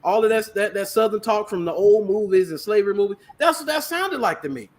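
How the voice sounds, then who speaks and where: A man hosting a sports podcast, talking in an animated way and laughing now and then. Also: high voice, brisk. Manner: animated, laughs, mimics voices for effect. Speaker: podcast host. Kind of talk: casual sports podcast commentary.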